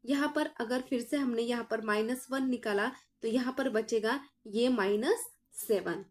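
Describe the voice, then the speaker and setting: A woman's voice: a little high, a little slow, a little mellow. A woman math teacher walks through each step, asking the class questions and answering them herself. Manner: addresses students as children.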